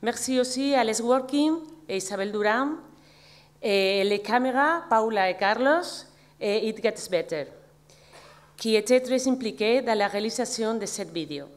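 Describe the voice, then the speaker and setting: A native Spanish-speaking woman with a Spanish accent in French, giving an acceptance speech in simple, halting non-native phrases. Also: fairly high pitch, animated. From Spain. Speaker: journalist accepting an award.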